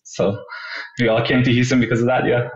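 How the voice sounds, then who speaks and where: A man's voice: medium pitch, little pitch movement, a little fast. A man in his thirties from Iran, a guest speaking earnestly in a casual interview, often saying "you know". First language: Persian. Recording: roomy, dull lo-fi remote line.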